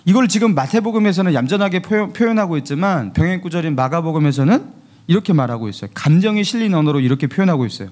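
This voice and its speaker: A man's voice: on the high side, lively intonation, rapid-fire, a little mellow. A man, the pastor, preaching a Sunday sermon and asking the congregation questions as he goes.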